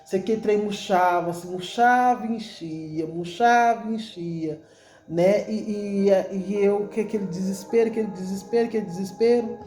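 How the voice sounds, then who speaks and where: A woman's voice: medium pitch, moderate pace, mellow, soft background music. A woman with a Brazilian Portuguese accent gives a religious testimony to her congregation. She repeats words often as she tells her story with feeling. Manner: emotional, repetitive storytelling addressed to the congregation. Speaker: church member giving a testimony.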